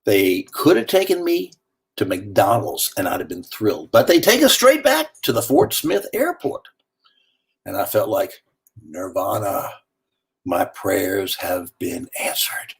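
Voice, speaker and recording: A man delivering a wry, animated theatrical monologue, telling his story in a conversational way. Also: fairly low pitch, unhurried, creaky, husky.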